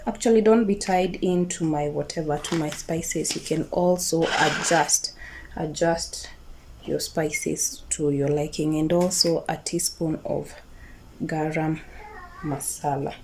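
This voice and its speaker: A Kenyan home cook with a Kikuyu accent presents a recipe video in a low-pitched, slightly mellow voice, speaking slowly with fairly even intonation. Her tutorial is casual: she repeats her words, checks in with viewers, and mixes Swahili words into her English. The home recording is clearly noisy, with kitchen clatter.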